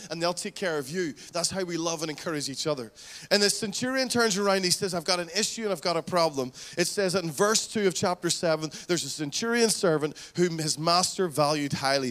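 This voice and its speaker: Man, pastor, fervent sermon, fairly high voice, exhorting. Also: fairly bright tone. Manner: fervent, exhorting, rhetorical questions.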